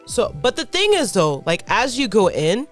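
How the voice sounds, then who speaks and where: A woman co-hosting a reaction channel, chatting in a relaxed, low-key way and trailing off as she thinks. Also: normal speed, soft background music. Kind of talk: casual chat.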